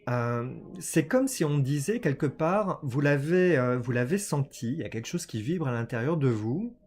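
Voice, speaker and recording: A man's voice: medium pitch, expressive, moderate pace. A man doing a casual oracle card reading for his viewers, talking hesitantly with many fillers and small laughs. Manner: hesitant, many fillers, chatty and warm-toned about cards.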